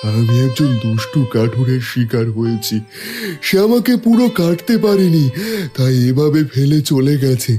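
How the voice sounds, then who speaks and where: A man's voice: medium pitch, expressive, a little slow, warm tone, soft background music, close to an everyday voice. A man voicing a suffering, grateful old talking tree in a solemn, pleading way for a fairy-tale cartoon. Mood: pained, pleading.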